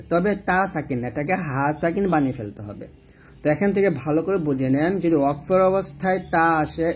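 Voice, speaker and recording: A man teaching recitation, who explains pronunciation letter by letter and then chants verses slowly with long drawn-out vowels. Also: a little high, a little mellow, slight background noise. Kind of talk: recitation lesson.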